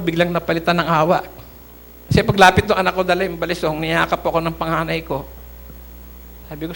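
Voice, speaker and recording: A man's voice: on the high side, gravelly, a bit bright. A middle-aged man from the Philippines giving an earnest church testimony, addressing the congregation as brothers and sisters.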